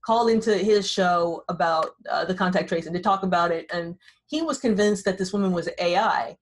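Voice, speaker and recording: A woman's voice: lowish voice, a little fast. A woman hosting a podcast interview, talking in a wry, rambling way with frequent self-corrections. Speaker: podcast host. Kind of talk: casual conversational interview.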